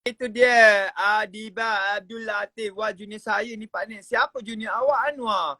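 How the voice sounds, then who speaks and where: A middle-aged man hosts a casual live stream from his phone, lively and teasing. His voice sits high and sounds bright and forceful, and the recording is dry and close. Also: measured pace, no room sound. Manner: animated, teasing, chatty. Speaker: host of a live stream, speaking coach.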